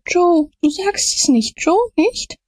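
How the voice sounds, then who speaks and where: A woman's voice: sits high, very animated, normal speed, vocal fry, dark tone, dry recording, studio quality, voice pushed up, full character voice. Woman playing a trembling, pleading drunk man. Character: scared, pleading drunken male vagabond.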